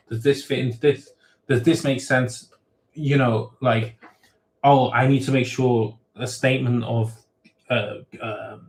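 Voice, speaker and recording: A man, an author hosting a casual livestream Q&A, reading viewer questions aloud and giving rambling, off-the-cuff answers. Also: mid-range voice. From grew up in England, born in Thailand. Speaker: web novel author hosting a Q&A. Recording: roomy echo.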